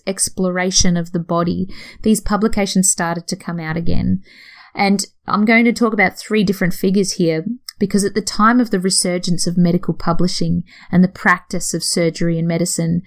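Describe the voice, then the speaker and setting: A woman hosting an educational talk, explaining in a conversational way and sometimes correcting herself. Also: fairly low pitch. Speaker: podcast host.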